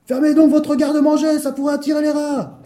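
A man voicing an enraged male rural policeman who bellows orders in a high, strained voice. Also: little pitch movement, fairly quick. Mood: furious. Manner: shouting, bullying.

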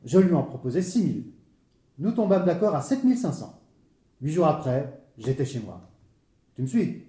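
A man's voice: fairly high pitch, sing-song, moderate pace, dark tone, roomy sound. A man playing a talkative man who tells a comic misadventure with theatrical, wordy flair and is easily flustered. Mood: lively. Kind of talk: stage comedy dialogue.

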